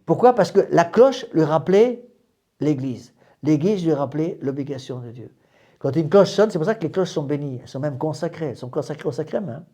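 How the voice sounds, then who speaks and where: Male priest teaching a class, slightly higher voice, warm and dark in tone, insistent and repetitive delivery. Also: expressive, a little fast. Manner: emphatic, repeats words and restarts phrases. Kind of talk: doctrinal lecture to a small group.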